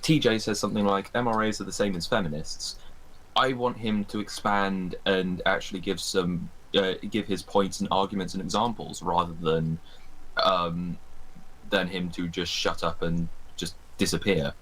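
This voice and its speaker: A man speaking as a podcast guest in a halting way, searching for words. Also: low voice, flat delivery, a bit bright. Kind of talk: casual podcast chat.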